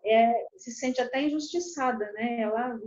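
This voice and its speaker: Brazilian female lawyer, higher register, steady explainer who voices quotes animatedly; muffled lo-fi audio. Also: normal speed. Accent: Brazilian Portuguese. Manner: explains calmly, acts out quoted dialogue animatedly. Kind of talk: explanatory talk. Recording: dull lo-fi recording.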